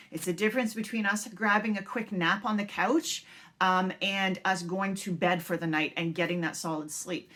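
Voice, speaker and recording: A woman's voice: medium pitch, fairly bright tone. A woman dog trainer talking casually to puppy owners, reassuring and repeating her points with filler words. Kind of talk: casual instructional talk.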